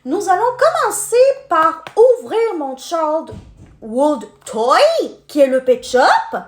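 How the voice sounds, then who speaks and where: High, lively young woman vlogger. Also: slow pace, echoey room. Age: 20s. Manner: talks straight to her viewers, friendly and chatty. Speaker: unboxing vlogger. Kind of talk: chatty unboxing video.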